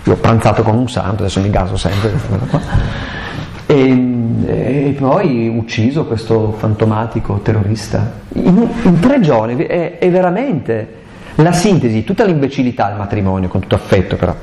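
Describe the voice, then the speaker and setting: A man's voice: fairly low pitch, expressive, normal speed, mellow. A man giving a live catechesis talk on a Bible passage, impassioned and colloquial, firing off rhetorical questions. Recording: echoey live room recording, faint background hiss.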